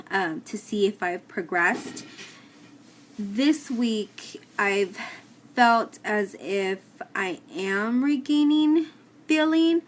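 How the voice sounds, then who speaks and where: A woman giving a casual personal update to camera, explaining things plainly with some hesitation. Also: medium pitch. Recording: clear background noise, room ambience.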